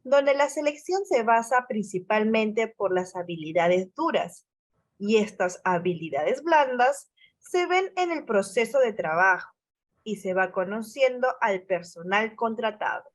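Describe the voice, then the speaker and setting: Slow, polite woman moderator. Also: fairly high pitch, animated. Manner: polite, formal, reads questions aloud. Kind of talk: reading audience questions.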